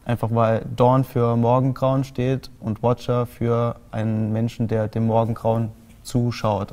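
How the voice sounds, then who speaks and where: Man in his twenties, from Saarland, flat steady delivery, dark mellow tone, lots of filler words, small TV studio. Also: mid-range voice. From Saarland, Germany. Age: 20s. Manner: long explanations with many fillers. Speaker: band guitarist. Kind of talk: studio interview answers. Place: small TV studio with colored lights.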